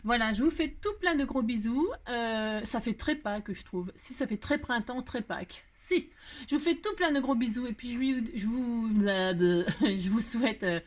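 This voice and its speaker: A woman's voice: a little high, animated, normal speed. A woman hosting a casual card-making tutorial, thinking aloud and chatting to herself as she works, with affectionate goodbyes to her viewers. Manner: warm, affectionate sign-off to viewers. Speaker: card-making crafter and channel host. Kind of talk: casual crafting tutorial chat.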